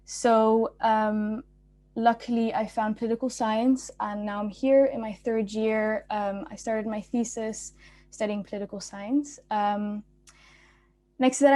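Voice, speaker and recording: A young Belgian woman, a student, gives a casual talk over a video call in a medium-pitched, dark voice. Her informal delivery is full of ums and restarts.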